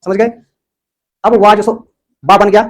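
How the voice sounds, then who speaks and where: A man's voice: high voice, little pitch movement. A man from teaching a language class, explaining step by step and checking that the students follow. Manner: explains slowly, keeps checking the class understands. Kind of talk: classroom lecture.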